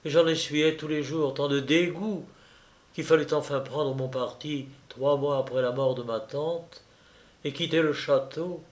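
Man narrating a classic novel, measured. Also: fairly high pitch, steady tone. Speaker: audiobook reader. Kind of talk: scripted literary narration.

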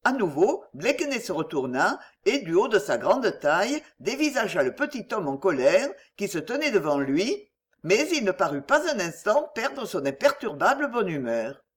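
A woman narrating an audiobook with expressive storytelling. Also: mid-range voice, normal speed.

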